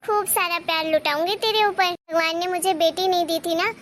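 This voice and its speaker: A woman's voice: very high voice, fairly even intonation, brisk, a bit bright. A woman voicing a middle-aged mother-in-law who talks in a homely, affectionate, talkative way in a cartoon story.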